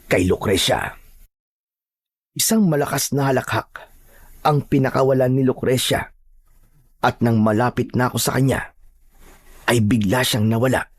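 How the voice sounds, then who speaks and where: A male storyteller with a husky, mid-pitched voice who tells a horror tale in the first person. His delivery is steady and dramatic, and the sound is dry and close. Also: no room sound. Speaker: narrator.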